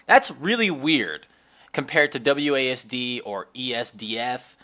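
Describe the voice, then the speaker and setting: A man with a bright, forceful voice chats on a gaming podcast. He rambles from point to point and addresses the listeners directly. His pitch sits in the ordinary middle. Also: animated, unhurried. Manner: rambling, talks straight to listeners. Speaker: podcast co-host. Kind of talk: casual gaming chat.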